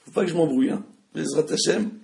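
A Torah teacher with a Tunisian French accent leads a religious study class before an audience in an echoey room. He talks loudly, fast and emphatically, his voice on the high side and creaky, and often questions his listeners.

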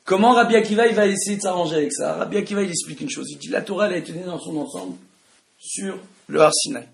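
Loud, gravelly-voiced man teaching. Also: high voice, racing. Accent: Tunisian French. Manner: loud, emphatic, asks the audience questions. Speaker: Torah teacher. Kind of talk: religious study lesson. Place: room with an audience. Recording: echoey room.

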